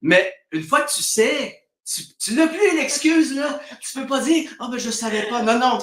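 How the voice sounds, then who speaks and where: A Québécois man from Quebec joins a live stream as a spiritual guest, talking casually, laughing often and acting out the voices of those he quotes. His extremely high, animated voice has a fairly bright tone at normal speed. The recording is reverberant.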